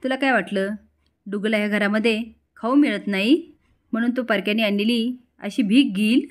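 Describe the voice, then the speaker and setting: Woman narrator voicing angry young woman, scolding, sharp retorts, everyday voice. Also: medium pitch, normal speed, natural voice. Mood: scornful.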